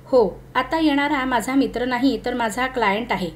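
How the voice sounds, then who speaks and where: A woman reading the lines of a bold young woman who speaks calmly and with easy command. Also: on the high side, normal speed, slight background noise, lightly acted. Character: bold, self-assured young city woman.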